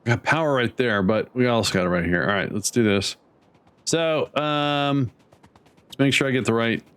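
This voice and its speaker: Streamer, male, relaxed meandering commentary, average pitch, plenty of fillers. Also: normal speed, clear, resonant tone. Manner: rambling, thinking aloud with many fillers. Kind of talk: casual gameplay commentary.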